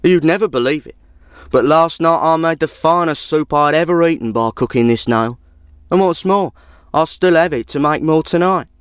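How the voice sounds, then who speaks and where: A woman's voice: low voice, moderate pace, clean tone, no echo, studio quality, voice pushed up, lightly acted. A woman voicing a hungry, crafty travelling man who coaxes slyly. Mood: coaxing. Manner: coaxing, sly.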